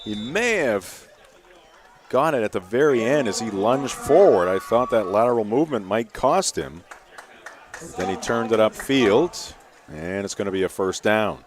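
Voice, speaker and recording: A man calling live high school football play-by-play in short running phrases. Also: lively intonation, measured pace, crowd noise. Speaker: play-by-play announcer.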